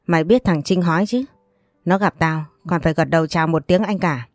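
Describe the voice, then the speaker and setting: A woman's voice: fairly low pitch, fairly quick, no room sound, studio quality, soft background music, lightly acted. A woman voicing a firm, reproachful older man who is the family elder in a read-aloud story.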